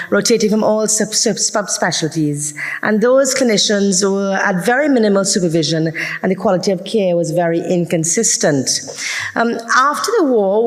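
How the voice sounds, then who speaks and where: Trinidadian woman doctor giving a keynote, lots of ums, long hall echo. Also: medium pitch. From Trinidad and Tobago. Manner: measured lecturing with frequent ums. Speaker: keynote speaker, consultant physician. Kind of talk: conference keynote lecture. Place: large lecture hall. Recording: long reverb of a conference hall.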